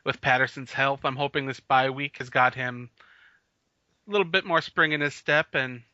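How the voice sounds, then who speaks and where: A man's voice: mid-range voice, fairly even intonation, moderate pace, bright, forceful tone, dry recording. A man co-hosting a casual sports podcast, leading the talk and laughing often. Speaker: podcast co-host. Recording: dull lo-fi podcast audio.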